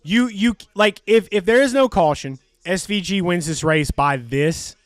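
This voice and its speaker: A man hosting a live race stream, giving excitable, profane, jokey commentary. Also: sits high, a little slow, no room sound, clean studio sound.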